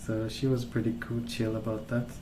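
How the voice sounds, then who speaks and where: Here a male ASMR creator speaks quietly and calmly, taking his time as he rambles in a relaxed storytelling manner. His pitch leans low, and the audio is roomy with noticeable background noise.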